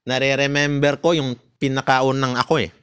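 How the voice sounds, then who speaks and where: A man's voice: mid-range voice, flat delivery, moderate pace, fairly bright tone, clear, resonant tone. A man, ranting in a casual monologue, bitter and taunting, laughing between jabs and switching into English. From Philippines.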